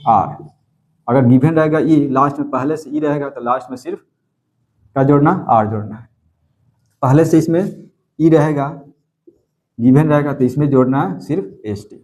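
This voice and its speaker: A man's voice: mid-range voice, normal speed, pauses often, a little mellow, lo-fi sound. A man teaching a grammar class in a coaching centre. He speaks, repeats each key word and asks questions that he then answers himself.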